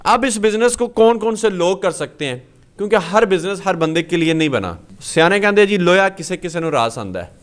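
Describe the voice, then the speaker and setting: A man's voice: high voice, lively intonation, fairly quick, smooth. A man in his thirties from Pakistan, hosting a business interview and explaining machines step by step, recorded on a handheld mic in a small indoor workshop. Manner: explanatory, walks through machines. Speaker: host.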